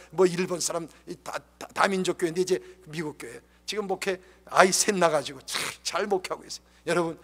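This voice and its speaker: A man's voice: high voice, fairly bright tone. Impassioned older male revival preacher. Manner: impassioned, exhorting, storytelling. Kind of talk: sermon with personal testimony. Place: church revival meeting.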